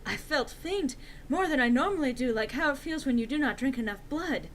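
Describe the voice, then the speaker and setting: A woman's voice: high voice, animated, brisk, slight background noise. A woman narrating a story aloud in a theatrical, emphatic, comic dramatic-reading style.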